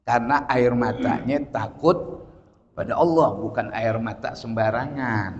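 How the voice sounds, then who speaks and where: A man preaching a casual sermon lesson, moving between chanted Arabic and joking everyday slang, from loud to soft. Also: on the low side. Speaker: Islamic preacher teaching tafsir. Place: large prayer hall. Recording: dull lo-fi audio in a long-echo hall.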